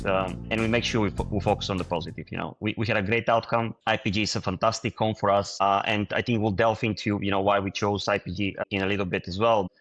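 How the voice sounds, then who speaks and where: This is a Bulgarian man, a startup founder, answering interview questions haltingly, restarting often and using lots of fillers. His voice sits on the low side.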